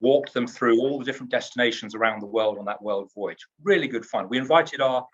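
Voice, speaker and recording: A man's voice: medium pitch, a little fast, slightly rough, dull audio. A man from the UK, a cruise line executive in a trade interview, talks up his company in an upbeat, salesy way and often restarts his words.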